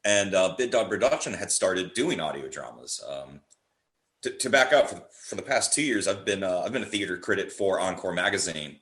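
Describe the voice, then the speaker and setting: A horror playwright, appearing as a podcast guest, talks casually in a rambling, jokey way. His voice sits low yet is fairly bright, expressive and a little fast. The recording sounds roomy and echoey.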